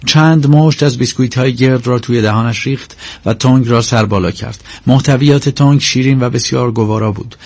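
Male audiobook narrator, steady measured reading, middle pitch, close mic, totally dry no room sound. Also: no echo. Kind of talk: scripted narration.

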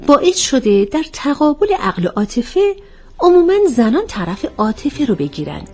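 A woman voicing a calm young woman who patiently explains things in a storybook reading. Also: a little high, pitched above the performer's own voice. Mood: explaining.

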